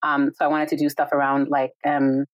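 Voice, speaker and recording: Speaking over a video call, this low-voiced woman from Jamaica is a guest who teaches yoga and meditation. Her delivery is monotone and at normal speed, yet warm and reflective, sprinkled with "right?" and "like." The audio is dry and muffled, and the talk is casual.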